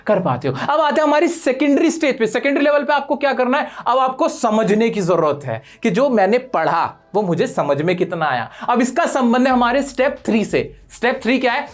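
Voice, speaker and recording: A man's voice: very high-pitched, animated, a little fast, hardly any pauses, soft background music. A man teaching a spoken language lesson, asking the viewer questions and answering them himself in an encouraging tone. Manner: encouraging, direct address to learners. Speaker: English teacher.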